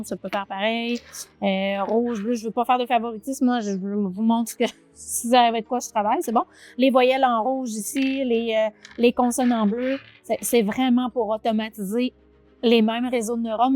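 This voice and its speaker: A woman remedial teacher with a Quebec French accent, explaining a reading exercise to viewers and sounding out syllables, checking in often. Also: a little high. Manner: animated, addresses viewer directly with many check-ins; sounds out letters and syllables slowly. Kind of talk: teaching demonstration video.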